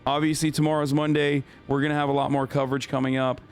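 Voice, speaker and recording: Hoarse, swearing male streamer. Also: mid-range voice, little pitch movement, quick pace, soft background music. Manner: frustrated, profane, stammering rants. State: hoarse from screaming. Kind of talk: casual live-stream chat while gaming.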